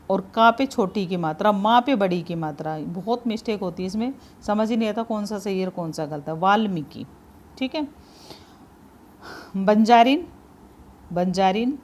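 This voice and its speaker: A woman teaching spelling at a middle pitch. She is patient and careful, spelling words out piece by piece and repeating what matters, in plain classroom talk mixed words. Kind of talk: spelling lesson for exam prep.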